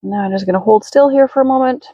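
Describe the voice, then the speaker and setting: A woman yoga instructor leading a slow, gentle class in a careful, unhurried way. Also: a little high, dry recording, highs cut off.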